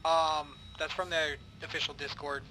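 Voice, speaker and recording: A man in a gaming squad, talking over voice chat on a headset and passing on info with a halting, filler-heavy delivery. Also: on the high side, flat delivery, noisy background. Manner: informative, hesitant with fillers. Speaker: squad member in team game.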